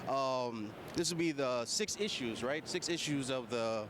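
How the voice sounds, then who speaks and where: A man's voice: mid-range voice, unhurried, background noise. A man interviewing a guest, asking questions hesitantly with many fillers.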